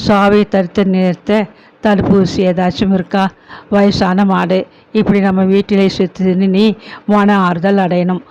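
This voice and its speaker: A grieving older widowed aunt, patient and consoling, read by a man. The voice sits high but moves little in pitch. The recording is dull and lo-fi. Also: a little mellow, a little hiss or hum, natural voice. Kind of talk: audiobook story reading.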